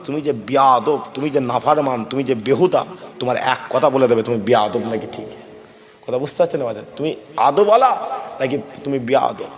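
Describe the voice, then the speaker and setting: A man preaching a waz sermon, shifting from chanted, shouted passages to conversational asides that question the crowd. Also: mid-range voice.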